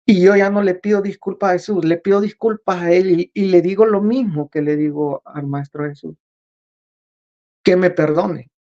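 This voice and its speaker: A man being interviewed, recounting a spiritual vision in a slow, earnest, repetitive way. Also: sits high, fairly even intonation, dark tone, highs cut off. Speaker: interview guest.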